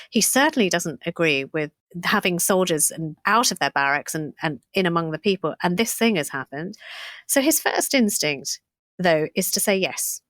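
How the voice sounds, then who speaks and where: A woman co-hosting a history podcast, telling the story in a lively, animated way with frequent restarts. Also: on the low side, no echo. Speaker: podcast co-host.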